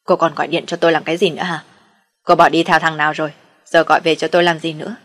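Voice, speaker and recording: A woman's voice: deep voice, brisk, a bit bright. A woman voicing a fed-up young man who talks in a sulky, curt way. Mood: angry.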